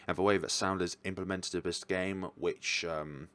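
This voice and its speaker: Hosting a casual, chatty ranking of visual novels, this man rambles and corrects himself with enthusiastic hesitation. His voice is deep and fairly bright, with a steady tone and moderate pace.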